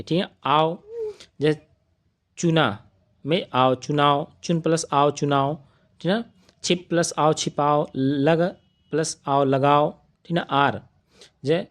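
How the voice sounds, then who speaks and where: A man teaching an online grammar lesson, listing examples one by one and asking questions that he answers himself in a lower voice. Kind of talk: live online grammar class.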